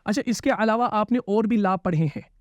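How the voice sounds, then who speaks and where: High-voiced male Arabic grammar teacher. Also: normal speed, no room sound, highs cut off. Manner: explains patiently, repeats key terms, checks understanding with questions. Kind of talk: classroom-style grammar lesson.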